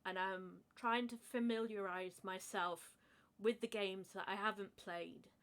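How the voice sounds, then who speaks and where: A woman's voice: medium pitch, fairly even intonation, unhurried, a bit bright. A woman chatting casually on a podcast, hesitant, with many ums and frequent laughs. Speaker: podcast co-host. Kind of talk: casual chat.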